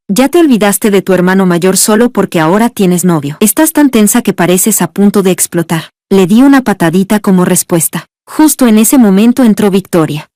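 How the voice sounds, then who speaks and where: A woman narrating a first-person story in a calm, even storytelling delivery. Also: medium pitch, no room sound, clean studio sound.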